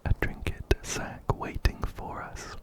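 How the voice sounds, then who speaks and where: Gentle and unhurried, this man narrates an ASMR game playthrough in a breathy whisper. He's right up against a binaural microphone, so his quiet voice travels ear to ear.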